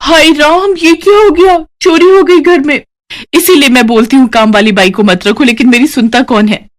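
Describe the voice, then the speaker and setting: A woman voicing a greedy young daughter-in-law in a cartoon story, excitable and whiny. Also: on the high side, brisk, natural voice. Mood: fake alarm.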